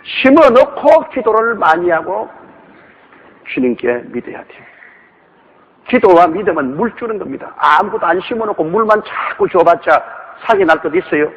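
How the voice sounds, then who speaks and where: A man's voice: high-pitched, very animated, moderate pace. A male pastor preaching a sermon emphatically, with many rhetorical questions, in a dull, reverberant recording.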